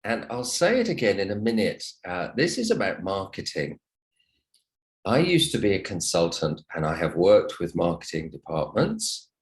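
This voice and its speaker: In this online lesson, a low-voiced man with wildly swooping pitch talks to his English students at a moderate pace. He stays polite and encouraging throughout the video call session and thanks them often.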